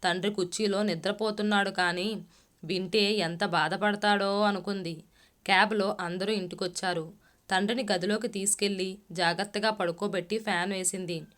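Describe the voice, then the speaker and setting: A woman storyteller narrating a story aloud in a steady, expressive reading voice. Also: mid-range voice.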